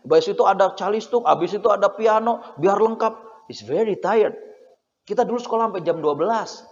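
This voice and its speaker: A man from Indonesia giving a chatty, humorous religious lecture, tagging his lines with "ya" and acting out parents and children. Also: high-pitched. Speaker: Islamic preacher. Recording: muffled recording with long hall reverb.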